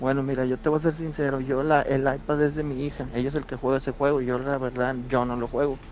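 A man's voice: mid-range voice, level tone, fast talker, darkish tone, soft background music. A man in his forties, a seller, talking earnestly and patiently over a phone call. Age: 40s. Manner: earnest, patient, explains plainly. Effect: heard over a phone call. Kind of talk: casual phone conversation. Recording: dull lo-fi phone line.

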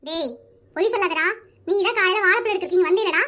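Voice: extremely high pitch, fast talker, bright, forceful tone. Someone doing bossy big bro cartoon kid, mocking, scolding. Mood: taunting. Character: bossy older brother boy, teasing.

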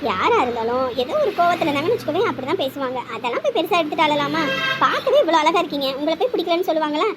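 A woman playing a high tender village aunt. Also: lively intonation, racing, over loud music. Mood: soothing. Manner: soothing, pleading. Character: kind, tearful village aunt caring for little nieces. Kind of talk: melodramatic village family drama. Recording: loud background noise.

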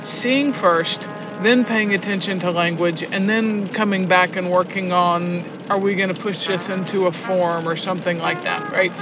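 The head of a prison arts education program, who teaches poetry, talks casually in an interview, emphatic and reflective, making her points the way a teacher would. Her intonation is fairly even and her pace moderate, and she's heard over music. It's a noisy location recording full of background clatter and rumble.

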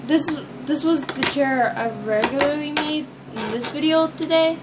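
A young teenage girl rambles casually to the camera in a high voice at normal speed while showing off her toy builds. She's in a small bedroom, recorded on a built-in device mic held at arm's length, and the amateur webcam audio is noisy.

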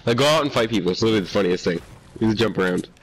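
A man's voice: on the low side, expressive, very fast, husky, rough recording. A young man chatting casually as a gaming teammate, laid-back and rambly, laughing and swearing.

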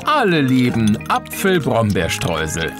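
A man's voice: mid-range voice, wildly swooping pitch, a little slow, over music. A man playing a cheerful storybook narrator, reading scripted narration for a German children's cartoon. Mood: narrating.

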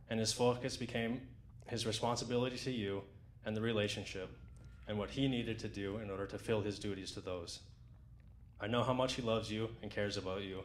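A man's voice: lowish voice, slight background noise. A young man at a wedding reception, reading a prepared best man's toast into a handheld mic in a fond, teasing way. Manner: fond, teasing, with light jokes. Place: wedding reception in a large dining room.

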